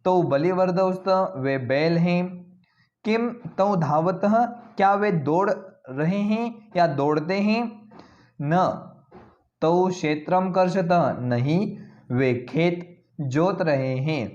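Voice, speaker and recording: A man with a slightly high voice gives a slow, patient Sanskrit lesson. He reads each word aloud and then explains it. The recording is dull and lo-fi. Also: darkish tone. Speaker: Sanskrit teacher.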